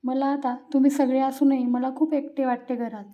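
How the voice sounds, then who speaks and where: A woman's voice: high-pitched, flat delivery, a little fast, natural voice. A woman voicing an angry pregnant young wife who scolds her husband, in a reproachful read-out tone. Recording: tinny phone-like sound.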